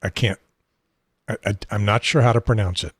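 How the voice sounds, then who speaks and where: Recorded in studio quality with no room sound, a seventy-year-old host with an American accent leads an unscripted, relaxed talk show. He speaks in a wry, meandering, halting way, his husky voice low, shaky, and steady in tone.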